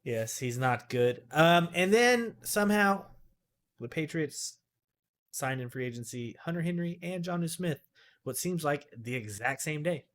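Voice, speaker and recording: A man's voice: a little high, lively intonation, measured pace, fairly bright tone. A man co-hosting a casual fantasy football podcast, rambling and correcting himself as he talks. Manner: rambling, self-correcting, filler-heavy. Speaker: podcast co-host.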